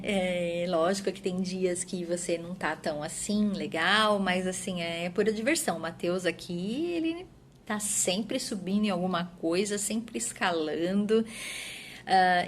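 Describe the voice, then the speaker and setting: A woman telling her story as a mother in an earnest personal testimony, often tagging her phrases and trailing off softly at their ends. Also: medium pitch, slight background noise. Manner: earnest, tag questions, drops softer at phrase ends. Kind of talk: personal testimony answering questions.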